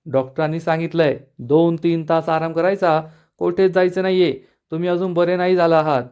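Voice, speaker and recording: A man's voice: a little high, steady tone, fairly quick, clean tone, close to an everyday voice. A man voicing a protective young woman who firmly tells an old man to rest. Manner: firm, sharp.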